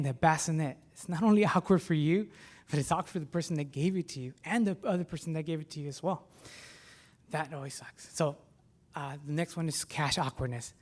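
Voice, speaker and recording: Nervous man delivering a halting startup pitch. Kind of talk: live pitch competition presentation.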